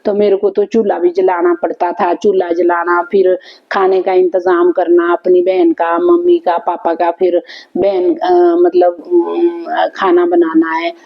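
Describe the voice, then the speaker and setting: A woman vlogger, reminiscing to camera in an unhurried, reflective way with many thinking pauses. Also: fairly low pitch, level tone, muffled recording. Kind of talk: casual reminiscing talk to camera.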